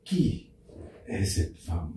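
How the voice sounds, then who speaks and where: A man's voice: deep voice, big pitch swings, drawn-out words, warm tone. A male journalist asking probing questions and prompting his guest with short interjections. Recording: echoey room, distant mic, faint noise.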